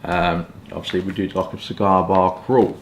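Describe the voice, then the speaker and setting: A deep-voiced man in his twenties from southeast England reviews pipes and cigars, speaking at a moderate pace with vocal fry and little pitch movement. He chats casually and rambles through hedging asides in a small furnished room at home, where the sound is echoey with some background noise.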